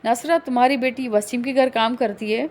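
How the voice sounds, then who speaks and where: A cold, domineering young man speaks in a dismissive, threatening way in a novel audiobook, as a woman reads his part. The voice stays on the high side, since it is her own voice. There is little change from her narrating voice. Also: steady tone, darkish tone, natural voice. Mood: curt.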